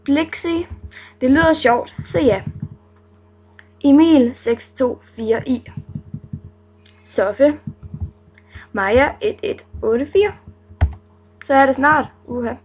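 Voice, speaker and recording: Giggly higher-pitched young woman vlogger. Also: long pauses, a little mellow, breathy edge, rough recording. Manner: chatty, giggly, playful asides. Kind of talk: casual reading of viewer names.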